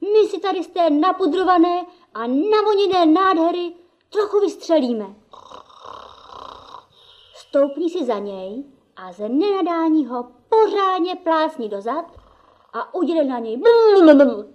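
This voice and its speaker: Cheeky puppet jester boy voiced by a woman: very high, impish, mocking. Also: expressive, darkish tone, lo-fi sound. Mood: sly, playful. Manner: mocking, playful banter. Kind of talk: puppet theatre play.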